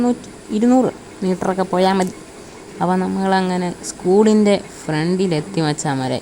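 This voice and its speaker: Malayali girl doing chill game commentary, low soft-toned voice, malayalam english mix, bit of noise behind. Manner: Malayalam mixed with English words and phrases; chummy, repeatedly addressing viewers as buddies. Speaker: gaming channel host. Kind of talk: casual bus simulator gameplay commentary.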